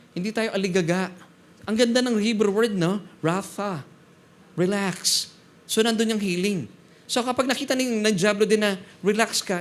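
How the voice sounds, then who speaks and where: A middle-aged man from the Philippines preaching a sermon as pastor, animated and often prompting the congregation for a response. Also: sits high.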